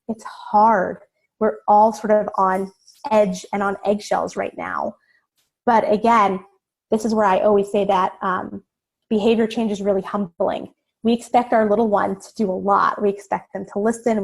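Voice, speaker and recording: A woman psychologist giving parents advice in an informal webinar, speaking in a calm, reassuring way with many "um"s and "right?"s. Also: medium pitch, vocal fry.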